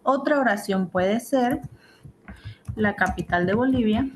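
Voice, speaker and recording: A woman's voice: mid-range voice, a little slow, a little hiss or hum, low-quality recording. A woman teaching assistant giving an online grammar lesson, explaining step by step and checking in with her students.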